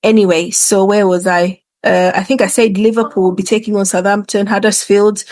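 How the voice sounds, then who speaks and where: A woman's voice: medium pitch, little pitch movement, brisk, a little mellow. A woman hosting a football show, commenting casually in an informal, conversational way with hesitant asides. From England. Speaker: football podcast host.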